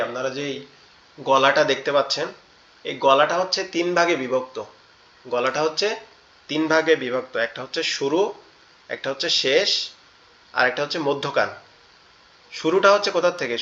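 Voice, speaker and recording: Bright-voiced man teaching letter sounds. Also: mid-range voice, lo-fi sound. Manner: patient, repeats each letter sound slowly. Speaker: Quran tajweed teacher. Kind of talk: online class instruction. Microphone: online class audio.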